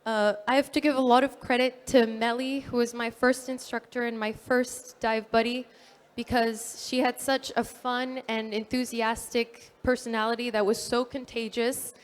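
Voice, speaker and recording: Speaking at a moderate pace in a fairly high, level voice, this teenage girl, fifteen and from New Caledonia, delivers a sincere prepared talk at a dive expo. She uses fillers and corrects herself in small ways as she goes.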